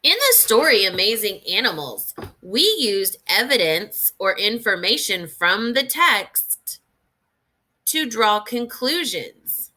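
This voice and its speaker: Expressive and instructive, a woman reads aloud in a middle-range voice as a teacher would for young children, pausing now and then to puzzle through questions.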